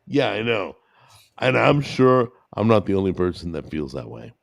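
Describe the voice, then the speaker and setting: A man's voice: lowish voice, sing-song, moderate pace, vocal fry. A man co-hosting a podcast in casual chat, joking and sarcastic while he shares his opinions. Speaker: podcast co-host.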